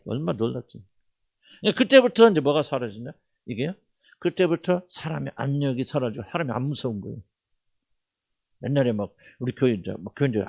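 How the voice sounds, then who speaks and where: A middle-aged man preaching a sermon as senior pastor, asking the congregation questions and swinging from loud to soft. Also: medium pitch, gravelly.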